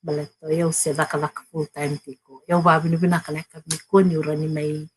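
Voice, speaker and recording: A woman from Fiji, a guest, giving a measured, formal self-introduction. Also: sits low, flat delivery, a little hiss or hum, rough recording.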